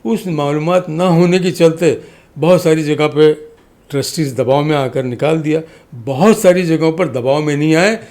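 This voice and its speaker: A man with a higher-pitched, somewhat dark voice speaks at normal speed as a podcast guest and community activist in an impassioned political interview. He is emphatic and oratorical, repeating phrases in parallel for effect.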